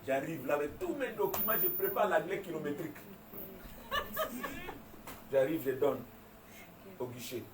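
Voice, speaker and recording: A man preaching a sermon as pastor, animated, with call-and-response and laughing asides. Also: on the high side, moderate pace, long pauses, very noisy. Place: large church hall. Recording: echoey church hall, far from mic, congregation. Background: congregation responding.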